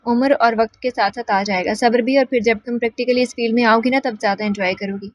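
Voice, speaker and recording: Woman reading as gentle young guy doctor, soft coaxing, patient but firm. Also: a little high, steady tone, close to an everyday voice. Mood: kind.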